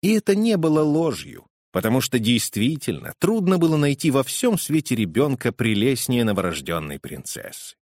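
A man reading a storybook aloud in an animated, theatrical style. His pitch swings widely from low to high, at a mid-level register. The sound is close and dry. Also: normal speed, few pauses, dry recording. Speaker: audiobook reader. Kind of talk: expressive storybook narration.

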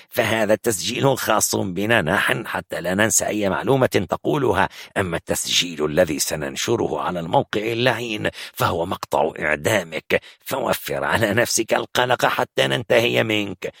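A man voicing a harsh, threatening armed gangster interrogating a captive, in a gravelly, raspy voice. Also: fairly low pitch, very animated, normal speed, fairly bright tone, no room sound, studio quality, full character voice. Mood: menacing. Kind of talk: audiobook narration.

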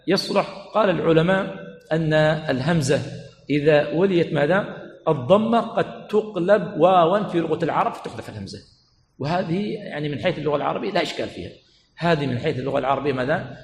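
Man lecturing in an echoey hall. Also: a little high. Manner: prompts students with repeated questions, stretches words slowly. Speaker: sheikh teaching a religious lesson. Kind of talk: classroom lecture. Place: teaching center hall. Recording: echoey hall with long reverb, faint room noise.

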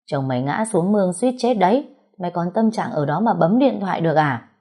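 A woman voicing an older village mother-in-law who scolds and shrieks abuse, with a husky voice. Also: fairly low pitch, lively intonation, a little fast, warm tone. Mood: scolding.

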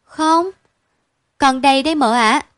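A woman voicing a quick-witted older sister who coaxes and reassures briskly, in a storybook reading. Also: high voice, no room sound, voice pushed up. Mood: reassuring. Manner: bright, brisk coaxing.

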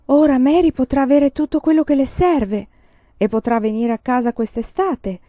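A woman's voice: high-pitched, expressive, measured pace, warm tone, dry recording, lo-fi sound, pitched above the performer's own voice. A woman reading aloud voices an earnest, hesitant fifteen-year-old girl in a storybook. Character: eager anxious teenage girl, fifteen.

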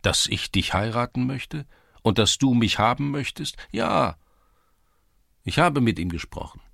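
A man's voice: medium pitch, animated, a little slow, gravelly, fairly bright tone, no echo, clean studio sound, pitched above the performer's own voice, exaggerated voice. A man voicing an ardent young lovesick Cossack in an audiobook, pleading and tender. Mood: gloomy. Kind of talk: audiobook character reading.

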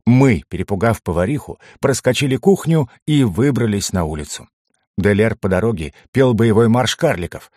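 Male audiobook narrator; expressive, animated, dry booth sound. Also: fairly low pitch, moderate pace, no echo. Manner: expressive storytelling, voicing each character. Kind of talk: scripted narration.

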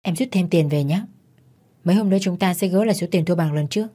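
A woman's voice: lowish voice, quick pace, warm tone, close to an everyday voice. A woman narrator voicing a callous, scheming man who urges and soothes in a told story. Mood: urgent, cold. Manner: urgent, pushy.

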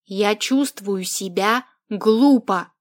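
A woman's voice: medium pitch, drawn-out words. A woman voicing a hesitant young prince. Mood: doubtful. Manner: hesitant, doubtful.

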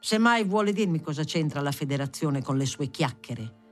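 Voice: mid-range voice, expressive, normal speed, soft background music, voice pushed down, natural voice. A reader doing a stern, irritable working-class politician. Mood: curt. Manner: curt, then bursting into angry lecturing. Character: stern middle-aged male ex-worker politician, irritable. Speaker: audiobook reader.

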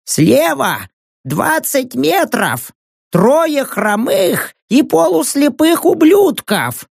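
A man voicing a foul-mouthed old male talking tree stump who keeps lookout, yelling in a shrill, creaky, drawn-out voice. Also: very animated, dry recording, studio quality, exaggerated voice. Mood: alarmed.

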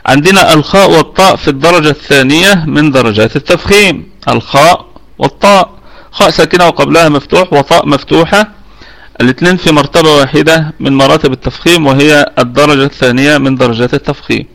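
A man with an Egyptian Arabic accent gives an online Quran recitation lesson. His voice sits a little high and has a gravelly, creaky edge. He goes through each rule patiently, saying key points twice and pausing on fillers. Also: a bit bright. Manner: hesitant fillers while explaining.

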